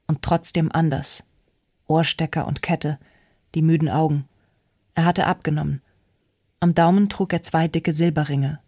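An audiobook narrator with a mid-range voice reads a novel in an even, measured manner as scripted narration. The recording is studio quality with no room sound.

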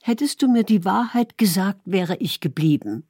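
A woman voicing a poor young fisherman who speaks quietly and helplessly after lying to his wife. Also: mid-range voice, animated, moderate pace, no echo, studio quality, natural voice.

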